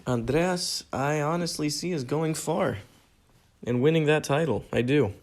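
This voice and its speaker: A man's voice: a little high, measured pace. Young man rambling on his podcast. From United States. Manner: earnest, rambling, repeats himself. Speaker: podcast host. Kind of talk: casual solo podcast answering fan questions.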